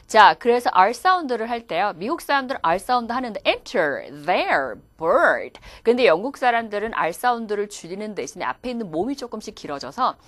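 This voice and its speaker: A woman's voice: on the high side, lively intonation, fast, hardly any pauses, no room sound. A woman teaching English pronunciation in a video lecture, demonstrating words aloud as she explains.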